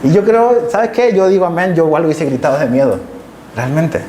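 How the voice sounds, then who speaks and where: At a live service in a church hall, a male pastor preaches an emphatic sermon to the congregation, repeating key phrases and checking in with his listeners. His voice is a little high, dark-toned, animated and brisk. The hall is echoey, with faint ambience and slight background noise.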